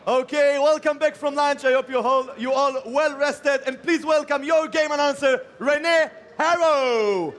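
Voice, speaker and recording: A man announces as MC at a competition, his voice pitched extremely high. He stretches his hype calls slowly and shouts them out, with some arena noise around him. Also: steady tone. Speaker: event MC introducing teams. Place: large indoor competition arena. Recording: noisy arena with ambience.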